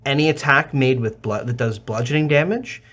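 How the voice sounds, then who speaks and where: A man's voice: medium pitch, moderate pace, a bit bright. Male game master, plain mid-range voice, matter-of-fact, runs the table. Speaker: dungeon master.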